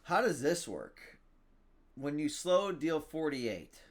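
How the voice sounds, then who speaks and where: A man's voice: on the high side, sing-song, takes it slowly. A man casually commentating his own card game, thinking aloud, reading item text and groaning at bad luck. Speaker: gaming streamer.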